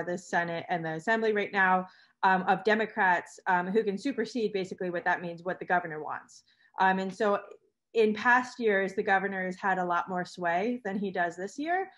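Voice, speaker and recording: A woman advocate on a video call panel, explaining the process slowly with many fillers. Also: fairly low pitch, a bit bright.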